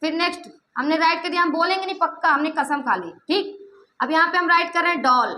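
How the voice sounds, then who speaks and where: Speaking quickly in a sharp, very high voice, a female teacher fires questions at her class. Each pupil's answer gets echoed back, often with a playful aside, as the call-and-response lesson moves along.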